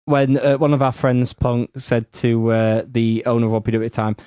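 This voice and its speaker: A man co-hosting a casual wrestling podcast, relaxed and chatty. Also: medium pitch, normal speed, clear, resonant tone, dry recording, studio quality. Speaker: podcast co-host.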